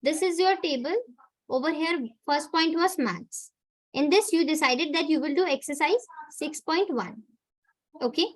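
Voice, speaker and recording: Speaking in a high-pitched voice at an unhurried pace, a young woman with an Indian English accent teaches online. In a live class she delivers a chatty pep talk and keeps asking "right?" to check in with her students.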